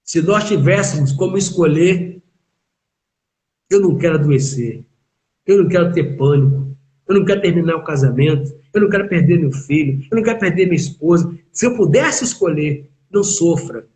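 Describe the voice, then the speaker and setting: Brazilian pastor preaching with emphatic questions. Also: male voice, a little high, brisk, darkish tone. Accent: Brazilian Portuguese. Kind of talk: sermon in a live online chat.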